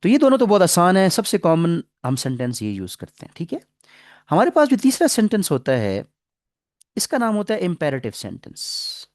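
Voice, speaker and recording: A male teacher gives a grammar lecture, his pitch rising and falling in a lively, animated way. He slows down to read English example sentences and keeps quizzing the class. The recording is close and dry, with no room sound. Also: no echo. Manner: explains slowly, reads English example sentences slowly; asks the class questions and repeats answers.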